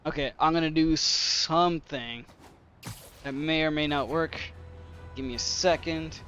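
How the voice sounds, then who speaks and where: A man's voice: on the high side, measured pace, bright, forceful tone, clear, resonant tone, lo-fi sound, soft background music. Brief: male let's-play streamer, grumbling, casual asides. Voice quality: offhand, grumbling. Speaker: gameplay streamer.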